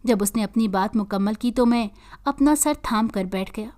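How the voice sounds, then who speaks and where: A woman storyteller reading a moral story in an earnest, steady way. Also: a little high, moderate pace. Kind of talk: scripted story narration.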